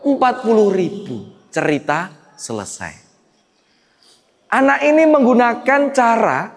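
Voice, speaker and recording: A priest giving a sermon, telling stories with acted dialogue and swinging between loud and soft. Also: male voice, sits high. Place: church. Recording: echoey church hall.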